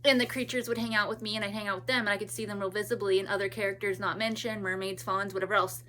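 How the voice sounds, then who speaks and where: A woman's voice: mid-range voice, steady tone, quick pace, sharp tone. A woman in her thirties from California, talking in a rambling personal monologue with many restarts and trailing thoughts. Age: 30s. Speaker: vlogger.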